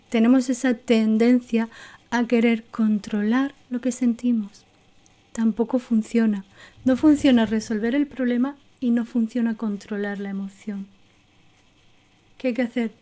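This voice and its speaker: A woman with a Spanish accent from Spain leads a gentle lesson on feelings, her voice mellow and a touch high. She talks reflectively, repeating key words and checking in with soft questions. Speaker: teacher. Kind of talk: guided emotional lesson with exercises.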